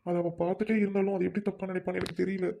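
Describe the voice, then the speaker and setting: A troubled young husband, a doctor in a home-made drama, voiced by a woman. He speaks in a fairly low, dark, mellow tone. He is apologetic one moment and sharp the next. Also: flat delivery, rapid-fire, vocal fry. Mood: distressed. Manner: apologetic, then snapping in anger.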